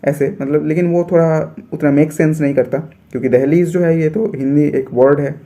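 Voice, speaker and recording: A man's voice: a little high, fairly even intonation, moderate pace, mellow. A young man from India teaching biology for an entrance exam, explaining step by step and repeating his points.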